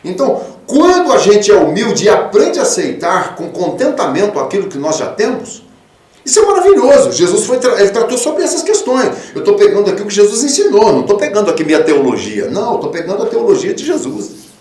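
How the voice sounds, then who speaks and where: A man, a pastor, preaching a radio sermon, fatherly and emphatic, swinging from loud peaks to soft low tones. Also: big pitch swings, fairly quick, roomy sound, far from the mic. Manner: fatherly, calls listeners 'filho'. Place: radio studio.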